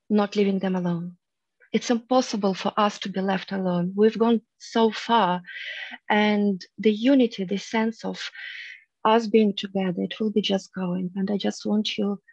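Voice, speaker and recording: A woman in her thirties leads a spiritual teaching on a headset mic, her tone soft and earnest. She lingers on words with long pauses. Her voice sits mid-range, and the dry, slightly dull video call audio keeps the room out of it. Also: mid-range voice, no echo. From Russia. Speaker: meditation group leader. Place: room at home, indoors.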